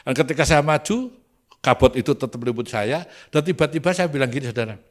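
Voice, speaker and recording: A man with an East Javanese accent, a pastor preaching a sermon at a church service, moving from quiet storytelling to fiery, shouted preaching. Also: mid-range voice, animated, fast. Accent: Javanese, East Java.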